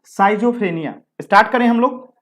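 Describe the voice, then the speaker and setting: A man's voice: high-pitched, brisk, fairly bright tone. Chatty man teaching a live class. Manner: chatty, repeats points, asks rhetorical questions to the class; banters with students between explanations. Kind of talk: live exam-prep lecture.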